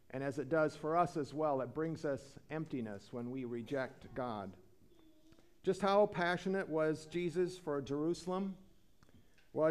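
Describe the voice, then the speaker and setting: A man preaching a sermon in a church, earnest, lifting his voice for emphasis and then dropping low. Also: a little mellow. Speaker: pastor. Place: church sanctuary.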